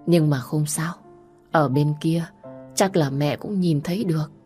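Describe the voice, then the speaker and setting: A woman's voice: low voice, a little slow, darkish tone, soft background music. A woman voicing a dying elderly mother who speaks weakly and pleads tenderly with her daughter in a told story. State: dying, gasping.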